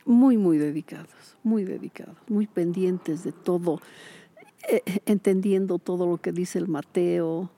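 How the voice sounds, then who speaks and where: A woman, a retired teacher chatting in an interview and telling lively stories. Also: on the low side. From Bolivia. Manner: lively storyteller, acts out quoted voices, laughs often. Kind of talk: casual interview chat.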